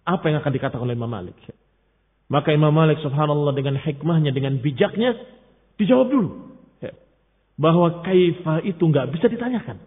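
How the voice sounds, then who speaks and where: A man's voice: on the high side, animated, brisk, long pauses. A man giving an emphatic religious lecture on creed, mixing Arabic terms into his explanation and rising sharply when rebuking. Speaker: Islamic teacher. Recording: tinny phone-like sound in a long-reverb hall.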